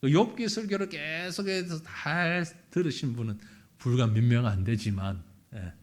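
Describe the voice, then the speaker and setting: A male pastor preaching a sermon in an animated way, acting out the laments he quotes. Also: fairly high pitch, moderate pace.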